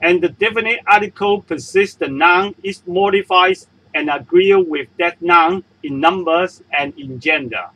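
A man with a Hong Kong accent, whose first language is Cantonese, talks through a beginner's language lesson at an unhurried, deliberate pace. His voice sits a little high and has a husky edge. He repeats each example and its translation patiently, as a voice-over for on-screen slides. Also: sharp tone, rough recording. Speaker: Spanish language teacher. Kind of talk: slow explanatory lesson narration. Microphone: voice-over for screen-recorded slides.

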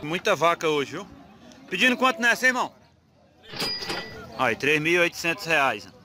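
Speaking at normal speed with big swings in his fairly high pitch, a Northeast Brazilian man gives casual on-the-spot commentary while filming a crowded outdoor cattle market. He talks with sellers and passes their prices along to the camera, crowd noise all around.

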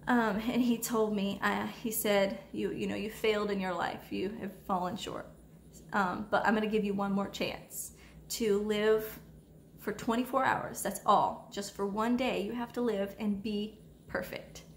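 A young woman gently telling her personal faith testimony in a hesitant, soft-spoken way with many pauses and fillers. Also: mid-range voice, steady tone. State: tearful at times. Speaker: vlogger sharing testimony. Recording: echoey room with faint ambient noise.

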